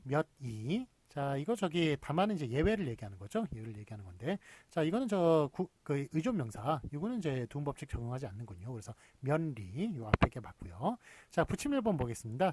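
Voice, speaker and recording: A man's voice: fairly high pitch, background noise. A man lecturing in a recorded university class, explaining step by step with frequent fillers.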